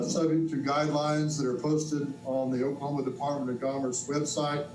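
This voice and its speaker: A man giving a formal, measured briefing to a council, his mic cutting in and out so the volume keeps jumping. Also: fairly high pitch, background noise. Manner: measured, reads out dates and lists. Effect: mic cutting in and out, uneven volume. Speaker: city staff member briefing council. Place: council chamber. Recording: echoey room, voice far from mic.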